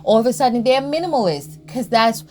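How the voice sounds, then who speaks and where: A woman's voice: fairly high pitch, animated, fairly quick, darkish tone, a little hiss or hum. Blunt, emphatic woman ranting casually. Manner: blunt, emphatic, repeats "Okay?", swears freely. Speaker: tarot and astrology content creator. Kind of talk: casual spiritual commentary monologue.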